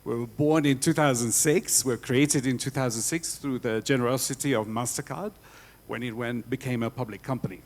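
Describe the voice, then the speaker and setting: A man speaking as a foundation representative on a panel, explaining in a measured way. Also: mid-range voice, fairly even intonation. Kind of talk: panel discussion.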